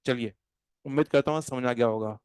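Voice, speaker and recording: A man lectures on chemistry to a classroom of students, animated and playful. He slows to a crawl when he dictates notes. His voice is smooth and clear, recorded dry and close with little room sound. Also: medium pitch, dry recording. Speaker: chemistry teacher.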